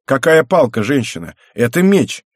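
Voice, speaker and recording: A man playing a loud, indignant young hothead. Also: medium pitch, sing-song, normal speed, no echo, studio quality, voice pushed up. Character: hot-headed young man, quarrelsome brother.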